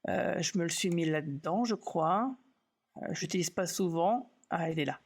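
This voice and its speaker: A man teaching software in a casual live stream, relaxed and self-mocking, thinking aloud with many fillers and restarts. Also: a little high, normal speed, slightly rough.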